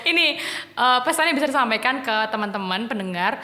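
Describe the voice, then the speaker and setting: A young woman hosting a casual podcast interview, giggly and filling pauses with listening hums. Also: on the high side, expressive, bright, forceful tone. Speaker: podcast host. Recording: room with long reverb.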